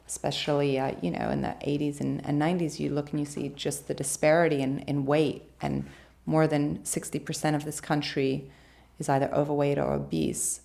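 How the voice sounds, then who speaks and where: Low-voiced woman host asking questions. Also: flat delivery, moderate pace, vocal fry, mellow. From Switzerland. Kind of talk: interview hosting.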